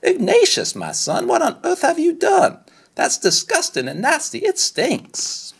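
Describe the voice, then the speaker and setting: Man doing a wildly swooping, high-pitched storybook mother. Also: wildly swooping pitch, a little slow, vocal fry, full character voice. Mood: appalled. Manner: exclamatory, swooping theatrically. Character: exclaiming, dramatic mother of a small boy. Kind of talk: storybook read-aloud character.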